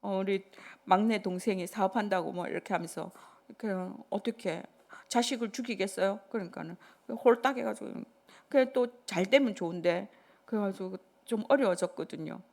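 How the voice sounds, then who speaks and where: An older woman pastor preaching a sermon in an animated, conversational way, dropping into whispers between loud bursts. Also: mid-range voice, normal speed, vocal fry.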